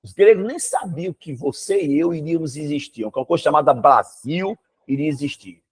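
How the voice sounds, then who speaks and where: A man's voice: on the high side, normal speed, breathy edge. A man with a Brazilian Portuguese accent teaching one student over a video call, talking emphatically and asking rhetorical questions. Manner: emphatic and animated, exclaims and asks rhetorical questions. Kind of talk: casual one-on-one lesson.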